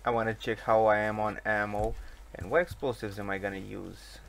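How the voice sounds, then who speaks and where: A man's voice: lowish voice, flat delivery, moderate pace, creaky, fairly bright tone. A man giving casual, self-mocking commentary while he plays a video game. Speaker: gaming YouTuber.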